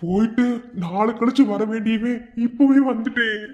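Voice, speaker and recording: A woman's voice: fairly high pitch, moderate pace, a little mellow, muffled recording, lightly acted. A woman voicing a young village husband and soldier in a cartoon, with a Madurai accent, easygoing and affectionate. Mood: earnest. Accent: Madurai Tamil.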